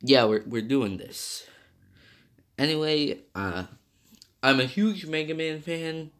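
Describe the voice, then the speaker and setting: A young man reviews a video game in a rambling, casual way, full of fillers and self-corrections. His voice is a little high and slow-paced, and still slightly nasal because he's been sick.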